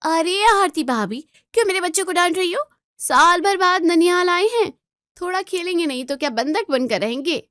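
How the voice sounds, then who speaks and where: A woman's voice: sing-song, moderate pace, no room sound, clean studio sound. A woman voicing a spoiled, bossy married daughter who whines and gives orders. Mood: shrill. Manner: shrill, whiny, commanding.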